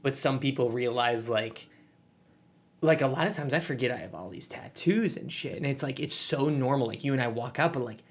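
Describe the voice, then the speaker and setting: A man in his thirties co-hosting a podcast, telling stories in an animated way, swearing freely and mimicking people. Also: medium pitch, brisk. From United States. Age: 30s. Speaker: podcast co-host. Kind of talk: casual chat.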